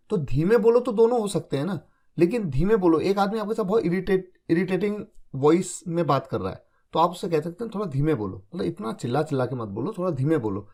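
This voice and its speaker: A male English teacher with a high, bright-sounding voice talks through example sentences one by one. He explains patiently, keeps checking that his students follow, and reads the English phrases slowly and deliberately. His pitch swings up and down a great deal as he talks. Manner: explains patiently, checks understanding with repeated confirmations. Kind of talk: spoken English lesson in Hindi.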